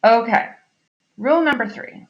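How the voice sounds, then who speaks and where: A woman's voice: on the high side, moderate pace, highs cut off. A woman teacher giving a recorded grammar lesson to her students, explaining in a chatty way and checking in with "okay?" often. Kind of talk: recorded online class lesson.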